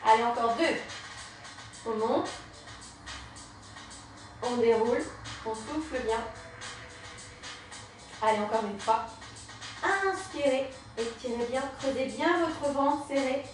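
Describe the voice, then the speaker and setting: A woman with a high voice leads a Pilates session, gently pushing her students through each move and breath. She sounds set back from the mic in a strongly echoing room, with faint music in the background. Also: slow pace, long pauses, recorded from a distance. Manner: encouraging, cueing breath and movement step by step. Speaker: Pilates and yoga instructor. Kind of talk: guided exercise class instruction.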